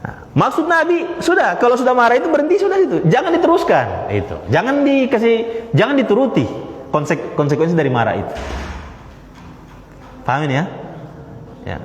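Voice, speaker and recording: A man teaching a religious study class to listeners in the room, lively and repeating his key phrases. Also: very high-pitched, fairly quick, pauses often, roomy sound, in a large hall. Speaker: Islamic teacher. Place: study gathering with listeners present.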